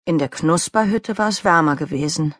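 A woman reading a children's story as the narrator, with lively, expressive storytelling on a close studio mic. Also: deep voice, moderate pace, no room sound. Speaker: audiobook narrator.

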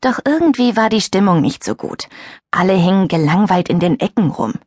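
Woman narrator, first-person youth audiobook, lively pitch, husky, dry close sound. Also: brisk, no echo. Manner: chatty, expressive.

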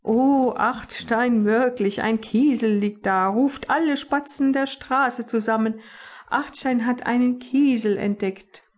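A woman's voice: medium pitch, measured pace, darkish tone, breathy edge. Woman playing a small anxious male sparrow, clever, hissing, storybook. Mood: mock-excited. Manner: hissing, fretful.

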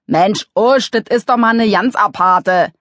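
A woman's voice: mid-range voice, measured pace, fairly bright tone, no echo, clean studio sound, pitched above the performer's own voice, natural voice. A woman voicing a smitten, pushy man who keeps pleading with a stranger. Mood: coaxing. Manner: wheedling, persuasive. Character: pushy middle-aged male john, smitten.

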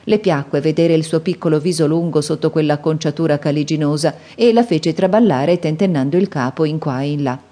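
A woman narrating a classic novel as an audiobook, in a calm, even storytelling manner. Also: deep voice, fairly quick, hardly any pauses. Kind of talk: scripted narration.

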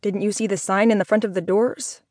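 A woman's voice: medium pitch, fairly even intonation, brisk, a little mellow, no room sound, clean studio sound, natural voice. A woman voicing a polite, apologetic male hotel operator who sounds tinny over an emergency phone line.

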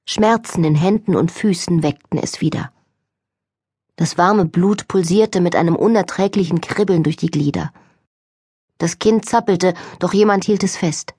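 A woman narrating an audiobook with a husky, slightly low voice. Her reading is calm and measured, recorded dry and close. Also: dry recording.

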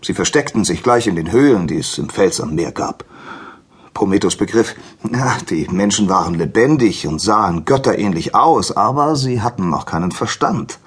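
A man narrating a children's audiobook in a calm, expressive storytelling manner. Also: sits low, moderate pace, breathy edge.

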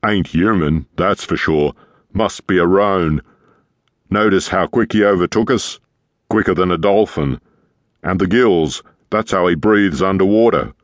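A man doing a booming, gruff walrus of a captain. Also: measured pace, no room sound. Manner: booming, gruff, clipped talk. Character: fat one-eared walrus-like ship captain.

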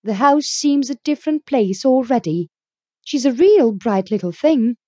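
A woman's voice: fairly high pitch, lively intonation, unhurried, warm tone, no room sound, pitched above the performer's own voice. A woman voicing a stern, dry-spoken middle-aged spinster in a storybook reading, firm and plain. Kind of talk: audiobook character reading.

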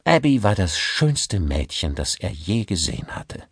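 A male audiobook narrator with a low, gravelly voice, reading with lively, expressive shifts in pitch. The recording is close and dry, with no room sound. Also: unhurried, no echo. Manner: expressive storytelling. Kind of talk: scripted narration.

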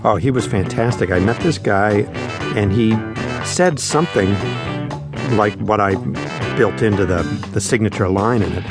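A man with a lowish voice speaks at normal speed over loud background music. He's a musician and spoken-word performer being interviewed, telling stories in a reflective, conversational way and acting out quotes as he goes.

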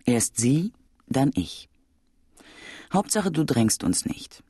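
A woman's voice: a bass voice, very animated, slow, warm tone, breathy edge, dry recording, studio quality, heavily acted. A woman voicing a spirited, teasing young farm wife who is pregnant, in an audiobook. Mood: playful. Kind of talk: audiobook character voice.

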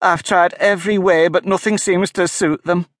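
A man doing a shrill, scolding pigeon. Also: steady tone, normal speed, fairly bright tone, no room sound, studio quality. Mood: shrieking, aggrieved. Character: fretful, shrill female pigeon guarding eggs.

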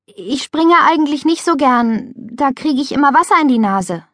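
A woman's voice: high voice, lively intonation, normal speed, no room sound, clean studio sound, pitched above the performer's own voice. A woman voicing a shy, timid young girl who speaks hesitantly. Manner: hesitant, soft-spoken.

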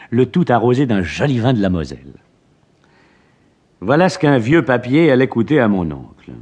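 A man narrating a classic novel in the first person, expressive and ironic. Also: fairly low pitch. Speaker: audiobook narrator. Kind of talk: dramatic literary narration.

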